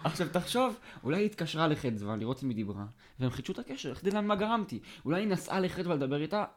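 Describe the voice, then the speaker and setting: Joking man telling a podcast story. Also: on the high side. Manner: joking storyteller, lively and teasing. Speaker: podcast co-host. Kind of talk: casual podcast chat.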